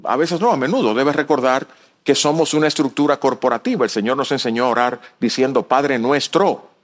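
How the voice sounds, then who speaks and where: A man preaching a sermon as pastor, shifting between soft low phrases and raised emphatic ones. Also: quick pace.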